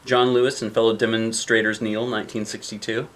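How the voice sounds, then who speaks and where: A man reads a picture book the way a dad would, in a brisk, lowish voice that is a bit bright yet flat in delivery. He still reads expressively, stressing key lines heavily and tossing casual remarks to the kids.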